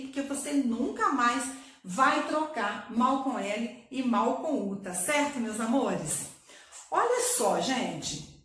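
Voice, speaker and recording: High-voiced woman teaching in an echoey room. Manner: affectionate, talks to pupils as "my loves", frequent tag questions. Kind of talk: recorded online class. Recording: very echoey room with faint noise.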